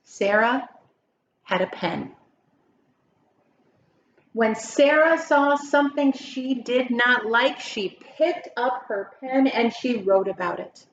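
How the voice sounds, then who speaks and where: This is a lively read-aloud of a children's story: a woman, sounding like a teacher, stresses words dramatically and poses questions to her audience. Her voice is slightly high, and she reads slowly with frequent pauses. The audio is muffled, with a bit of background noise.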